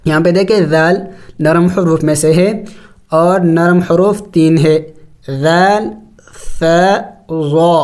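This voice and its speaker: A man teaching Quran recitation rules, spelling out letters and vowels slowly and then explaining each rule at a brisk pace. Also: a little high, a little mellow. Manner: drawn-out melodic recitation of verses. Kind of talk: step-by-step tajweed lesson.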